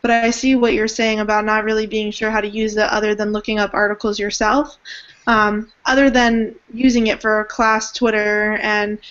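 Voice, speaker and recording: A young woman studying education leads an online group discussion on a video call, her hangout talk hesitant and packed with fillers. Her mid-range voice has little pitch movement, a moderate pace and a fairly bright tone, though the audio is dull.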